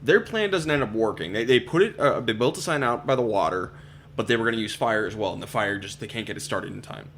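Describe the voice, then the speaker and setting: A man's voice: on the low side, fast talker, a little hiss or hum. A man hosting a casual podcast, leading the rundown of episode events. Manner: lively, leads the episode rundown. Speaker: podcast host. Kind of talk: casual recap chat.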